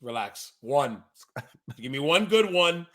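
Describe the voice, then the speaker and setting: A male pro wrestling podcast co-host in his thirties, also an active wrestler, speaks with a slightly high, sharp, forward voice. He takes it slowly but with big pitch swings, offering casual chat and commentary in a loose, slangy, insider style.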